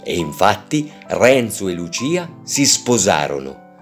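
Slow, lively male storyteller. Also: low voice, soft background music. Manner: lively storyteller, colors quoted lines. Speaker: reader of an adapted novel for learners. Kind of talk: slow, expressive story reading.

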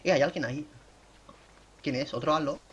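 A man's voice: moderate pace, husky, dull audio. A young man giving casual, self-mocking gameplay commentary into a desk microphone. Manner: chatty, self-mocking, bursts into excited high shouts. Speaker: gaming YouTuber.

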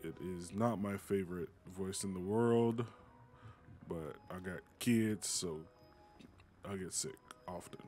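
A man's voice: low voice, slow pace, a little mellow. Sick-voiced man grumbling through gameplay. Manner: mumbling, swearing, fussing at the game. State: sick, hoarse voice. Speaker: gaming streamer. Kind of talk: casual gameplay commentary.

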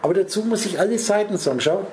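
A man's voice: high voice, lively intonation, very fast, roomy sound, crowd noise, poor audio. A man giving a spiritual lecture, rambling and speaking straight to his listeners with lots of wordplay. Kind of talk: spiritual lecture to a small audience. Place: lecture room.

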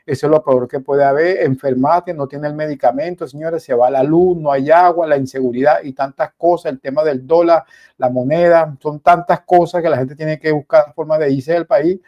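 A man in his forties with a Venezuelan accent, giving casual news commentary from a small home studio on a headset mic, animated and repeating himself often. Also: fairly high pitch, normal speed, muffled recording. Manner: animated, repetitive, addresses viewers as "señores".

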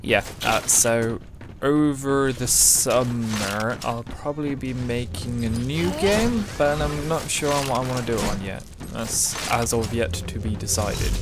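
A young man from England casually commenting on a shooter game he is playing, joking and swearing at opponents. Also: mid-range voice. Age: young adult. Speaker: gameplay commentator. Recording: loud gunfire from the game behind.

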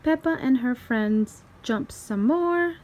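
With a high-pitched voice, this storytime host takes a children's book slowly. She reads expressively, voicing the dialogue and performing the sound effects.

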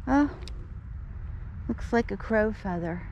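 This woman's medium-pitched voice has lively intonation, a slow pace and a darkish tone, with the highs cut off. Feeding wild birds on a lawn by a road, she narrates a casual vlog, talking to the birds and grumbling about locals, while her low-held handheld camera records traffic and birds around her.

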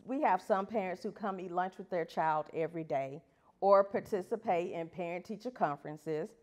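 A woman's voice: lowish voice, normal speed, darkish tone. A woman teacher giving a prepared talk at an education event, earnest and putting rhetorical questions to the audience. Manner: reads from prepared pages. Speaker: elementary school teacher.

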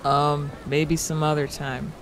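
Man playing creaky-voiced, flirty Jack Dawson. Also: a little high, level tone, slow pace, a little hiss or hum, low-quality recording. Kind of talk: comedy skit acting.

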